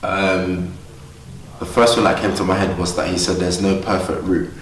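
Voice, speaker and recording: A man's voice: deep voice, fairly even intonation, normal speed, reverberant, far from the mic, slight background noise, poor audio. A young man from Ghana, a boxer, talking earnestly and upbeat in a casual interview at a boxing gym. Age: young adult. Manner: earnest, upbeat, talks freely.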